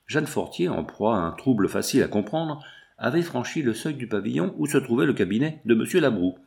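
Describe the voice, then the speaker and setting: A man narrating a classic novel as an audiobook, in a measured, even reading. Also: medium pitch, gravelly. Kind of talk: scripted narration.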